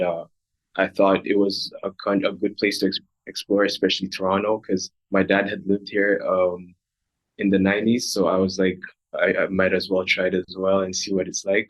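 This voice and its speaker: A man's voice: sits low, muffled recording. A young man from Rwanda, a recent graduate speaking as a podcast guest, thoughtful and full of fillers and restarts. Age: young adult. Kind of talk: podcast interview.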